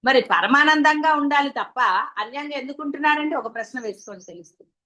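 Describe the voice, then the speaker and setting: A woman with a Telugu accent teaches in a high, clear voice. She gives a devotional discourse and keeps turning to her listeners with rhetorical questions. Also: fast, pushed and bright, rough recording. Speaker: spiritual teacher.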